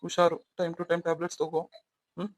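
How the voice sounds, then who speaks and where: Brief: woman as young husband, protective but quick to anger, low-ish voice, rapid and flat. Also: close to an everyday voice. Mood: tender. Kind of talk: melodramatic audio story acting.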